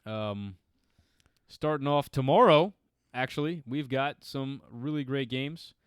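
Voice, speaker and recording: A man's voice: medium pitch, slow, clean tone, dry recording, studio quality. A man co-hosting a soccer podcast, chatting casually and swearing freely. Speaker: podcast co-host. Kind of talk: casual chat.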